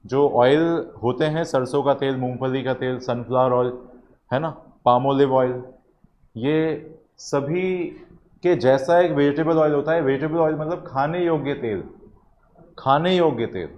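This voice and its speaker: A man's voice: mid-range voice, measured pace, darkish tone. A man teaching a biology class, drilling points through repetition and frequent check-ins with students. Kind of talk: classroom lecture. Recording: slightly dull audio, faint room ambience.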